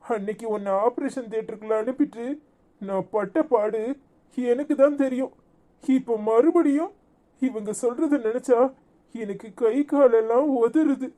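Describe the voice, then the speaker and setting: A woman's voice: fairly high pitch, moderate pace, dark tone, natural voice. A woman doing a fretful husband with a Tirunelveli Tamil accent. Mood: worried. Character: worried young husband, anxious and protective. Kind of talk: cartoon voice acting.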